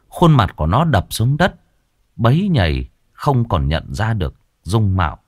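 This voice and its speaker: Deep-voiced man telling a ghost story. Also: no echo, studio quality. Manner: slow, suspenseful and expressive. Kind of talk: dramatic ghost story narration.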